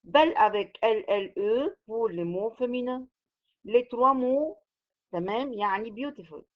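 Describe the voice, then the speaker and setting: A woman's voice: on the high side, animated. Woman teacher with Egyptian Arabic accent, lo-fi sound. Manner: switches between French and Arabic with English glosses; slow, repetitive explaining. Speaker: French teacher. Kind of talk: classroom lesson. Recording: slightly dull lo-fi recording.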